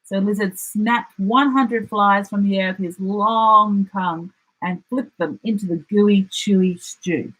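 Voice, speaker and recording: A woman with an Australian accent, reading a children's story aloud in an expressive storytelling style. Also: mid-range voice, measured pace, rough recording. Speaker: storybook reader.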